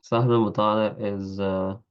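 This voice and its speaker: A man's voice: on the low side, flat delivery, moderate pace, clean tone, lo-fi sound. A man teaching a class. He reads a classical Arabic text aloud, stops to comment in English and corrects his own slips as he goes. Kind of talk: reading aloud and explaining in a class.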